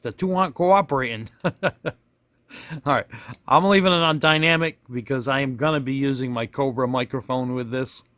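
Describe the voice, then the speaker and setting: Demonstrating a radio hands-on, this product reviewer keeps things casual and unscripted, with a folksy, self-deprecating style that rambles and self-corrects as he goes. He has a mid-range, slightly bright voice, recorded dry.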